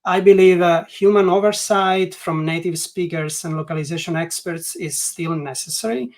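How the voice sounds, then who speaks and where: Speaking at a moderate pace in a voice on the high side, an Italian guest learning experience designer talks in English, his second language, with an Italian accent during a webinar interview. He's hesitant, restarting often and filling pauses with "like".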